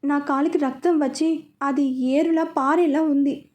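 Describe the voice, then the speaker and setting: A noisy, melodramatic young brother-in-law from an audio storybook, read by a woman. He grumbles loudly in a high, mellow voice. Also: fairly even intonation, a little slow. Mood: complaining. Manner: complaining loudly.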